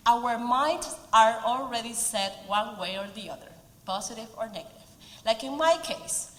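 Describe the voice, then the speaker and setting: With a fairly high, fairly bright voice, a Peruvian woman in her forties speaking with a Spanish accent gives an earnest prepared speech, laced with light humor, at a community event. The event hall gives the recording a roomy reverb.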